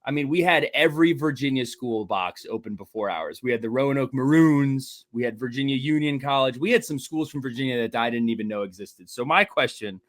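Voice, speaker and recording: A man's voice: mid-range voice, animated, brisk, hardly any pauses. A man from New Jersey hosting a sports podcast, chatting casually with rambling, teasing rivalry jokes. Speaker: podcast host.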